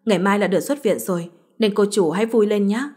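A woman voicing a scheming housemaid and mother who speaks softly and apologetically, in a husky voice. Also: mid-range voice, fast, lightly acted. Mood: soothing lie. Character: scheming older housemaid, mother full of remorse.

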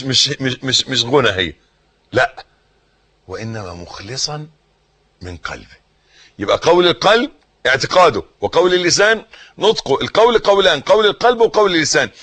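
A man with an Egyptian accent preaching a sermon, teaching by repeating phrases and putting questions to his listeners, rising to emphatic bursts and then sinking to hushed words. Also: on the high side. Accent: Egyptian Arabic. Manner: swings between raised emphasis and soft, hushed phrases.

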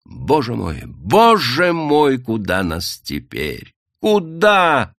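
Man reading as a young woman wronged and despairing, pleading slow, pitch all over, dry sound. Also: wildly swooping pitch, fairly bright tone, dry recording, heavily acted.

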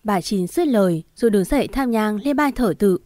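A woman narrating a first-person story in a steady, measured way. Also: mid-range voice, dry recording.

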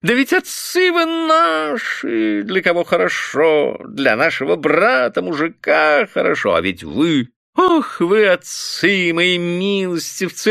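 A gushing old drunk steward. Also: male voice, medium pitch, creaky, fairly bright tone, no echo, clean studio sound, pitched above the performer's own voice, exaggerated voice. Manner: sing-song, tearful, gushing. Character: fawning drunk old male village steward.

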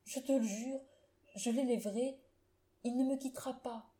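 A woman's voice: on the high side, fairly even intonation, normal speed, mellow, lightly acted. A woman reading the part of a grieving young husband who murmurs and stammers. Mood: hushed grief.

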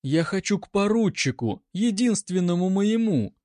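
A man's voice: high-pitched, expressive, a little slow, no room sound, studio quality, pitched above the performer's own voice. A man putting on a wailing melodramatic bride. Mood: panicked protest. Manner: pleading, tearful, overacted exclamations. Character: melodramatic young woman, a bride wailing theatrically.

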